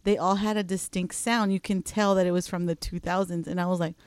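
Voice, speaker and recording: A woman in her thirties, co-hosting a casual chat and telling stories with quick laughs. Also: lowish voice, fairly even intonation, darkish tone, dry recording. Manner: chatty storyteller, quick laughs. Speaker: co-host.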